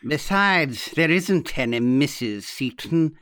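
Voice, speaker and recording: A man reading a story voices a sour, half-blind old aunt who croaks out her words slowly. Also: on the high side, animated, a bit bright, no room sound, clean studio sound.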